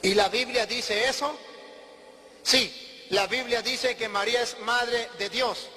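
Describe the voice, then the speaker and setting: Emphatic high-voiced male preacher. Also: steady tone, takes it slowly, sharp tone. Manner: emphatic, asks questions and answers them himself. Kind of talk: sermon. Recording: long hall reverb.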